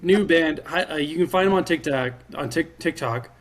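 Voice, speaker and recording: Podcast co-host, male, a bit high-pitched; loose, rambling, laughs a lot, curses casually. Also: normal speed. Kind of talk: casual chat.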